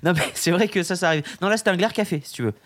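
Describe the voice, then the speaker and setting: A man's voice: high voice, rapid-fire, a bit bright. A man co-hosting a podcast, chatting casually, laughing often and asking the guests questions. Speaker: podcast co-host. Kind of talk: casual banter.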